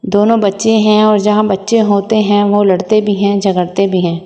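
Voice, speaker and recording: A woman's voice: mid-range voice, little pitch movement, mellow, long reverb tail, close to an everyday voice. A woman voicing a young father who is hot-tempered and protective, speaking sharply and scolding. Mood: angry.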